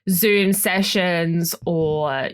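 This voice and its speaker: A woman's voice: on the low side, fairly even intonation, extremely slow, clean tone. Chatty Australian woman in her twenties. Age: 20s. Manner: chatty and rambling, laughs often. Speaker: podcast guest. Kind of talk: casual interview chat. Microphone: video call.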